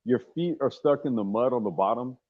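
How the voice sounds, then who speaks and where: A man calling into a livestream, talking through his point in a measured, argumentative way. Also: medium pitch, no echo. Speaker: livestream caller. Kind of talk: casual livestream chat. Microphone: remote call mic. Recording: tinny, dry phone-like call audio.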